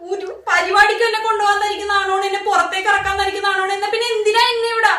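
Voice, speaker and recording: A woman's voice: very high-pitched, level tone, very fast, sharp tone, far from the mic. A woman playing a young wife who heatedly accuses her husband and demands answers, heard off-mic in an echoey room. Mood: angry. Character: angry young wife confronting a cheating husband.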